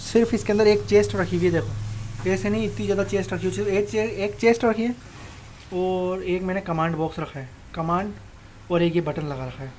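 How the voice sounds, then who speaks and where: A man's voice: high voice, steady tone, brisk, darkish tone, a little hiss or hum. Chatty young man narrating a game. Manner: chatty, informal, addresses viewers as friends. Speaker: gaming channel host. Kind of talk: casual Minecraft tutorial voice-over.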